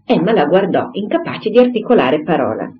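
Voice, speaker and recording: Expressive audiobook narrator. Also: mid-range voice, fairly quick. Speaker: audiobook reader. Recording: slightly dull recording, faint hiss.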